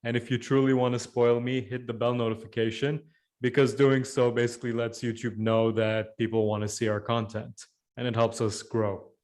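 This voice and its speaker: A man's voice: medium pitch, little pitch movement, normal speed, darkish tone. A man hosting a podcast, chatting with his guest and reminding viewers to subscribe. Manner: friendly, reads channel reminders. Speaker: podcast host. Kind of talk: casual interview chat.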